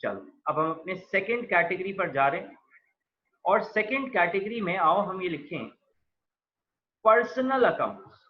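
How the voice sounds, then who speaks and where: A man's voice: sits high, expressive, measured pace, long pauses. A man giving a patient classroom lecture on accounting. He talks to his students as "beta" and writes on a board as he speaks. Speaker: accounting teacher. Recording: echoey dull lo-fi room sound.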